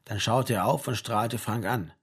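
Husky-voiced male audiobook narrator. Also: fairly low pitch, a little slow. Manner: lively, expressive storytelling. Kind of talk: audiobook reading.

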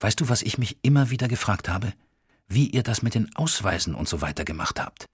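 A man voicing a trusting, gentle female schoolteacher in an audiobook, speaking earnestly and with soft insistence. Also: fairly low pitch, lively intonation, fairly quick, husky, no echo, clean studio sound. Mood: curious. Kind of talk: audiobook character voice.

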